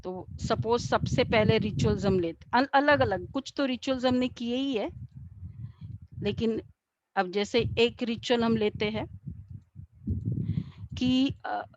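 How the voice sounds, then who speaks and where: A woman teaches a spiritual class at an unhurried, deliberate pace, pausing often to put questions to her listeners. Her voice sits a bit higher than most and comes through dull and muffled, close and dry, with no room sound. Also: no room sound. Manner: explains patiently, asks the class questions. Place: meditation centre classroom.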